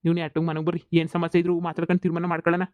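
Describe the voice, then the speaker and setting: A man's voice: a little high, completely flat delivery, rapid-fire, no echo, narrow, tinny audio, natural voice. Man doing a humble apologetic poor village friend. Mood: reassuring.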